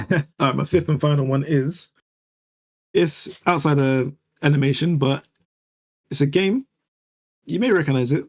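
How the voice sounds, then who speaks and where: Young guy on a podcast, bit higher voice, laughs a lot, retells stuff all animated. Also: unhurried, pauses often. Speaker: podcast co-host. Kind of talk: casual chat.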